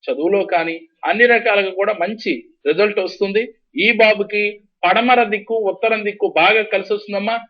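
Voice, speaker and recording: High-pitched male numerologist, TV call-in, methodical; muffled broadcast sound. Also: fairly quick. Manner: steady, instructive, repeats schedules and numbers. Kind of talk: call-in advice, giving readings. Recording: dull lo-fi TV broadcast audio.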